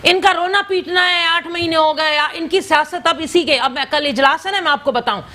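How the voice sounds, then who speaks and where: A woman's voice: very high-pitched, a crowd in the background. A woman from Sindh, a political guest in a TV studio, arguing insistently and talking over the host in a heated debate. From Sindh, Pakistan. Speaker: political guest on a TV talk show.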